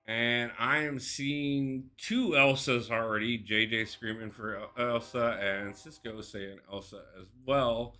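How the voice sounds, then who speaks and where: A man's voice: medium pitch, fairly even intonation, a little slow, few pauses, bright, forceful tone. A man live-streaming a mobile game, chatting casually, thinking aloud and greeting his viewers by name.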